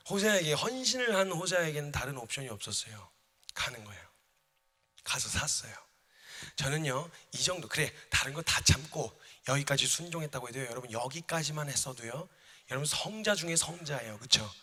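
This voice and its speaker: A man's voice: a little high, animated, a little fast, sharp tone. A man preaching a sermon as a missionary, emphatic and dramatic, addressing the congregation in a church. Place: church sanctuary. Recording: reverberant church hall.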